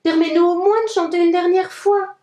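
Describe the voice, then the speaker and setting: Three little pigs beg in high, imploring voices, as a woman puts them on. A storybook read in an echoey room. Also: little pitch movement, normal speed, darkish tone.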